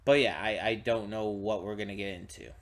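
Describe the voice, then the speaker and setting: A man's voice: lowish voice, fairly even intonation, fairly quick, a bit bright. A man hosting a reaction channel, talking casually and rambling with frequent restarts while tired and yawning. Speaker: channel host. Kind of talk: casual pre-reaction talk to camera.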